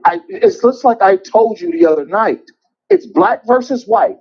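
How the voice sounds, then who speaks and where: A man's voice: high-pitched, sing-song, husky. Man calling in on speakerphone. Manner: blunt and opinionated, with halting restarts. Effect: phone call that sounds like it is on speakerphone. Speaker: caller. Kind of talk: casual call-in chat. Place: parking garage. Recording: dull lo-fi phone line.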